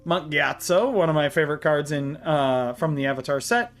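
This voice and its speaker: A man hosting a card game channel, walking through a deck and reading card text aloud in a halting way, short of breath. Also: on the high side, lively intonation, a bit bright, faint music behind. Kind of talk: deck tech walkthrough.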